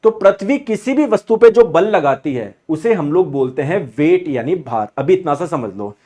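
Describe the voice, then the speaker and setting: A man teaching an exam-prep physics lesson in a lively way, often asking questions and answering them himself. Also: on the high side, normal speed. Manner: lively, asks and answers his own questions; acts out students' objections in asides.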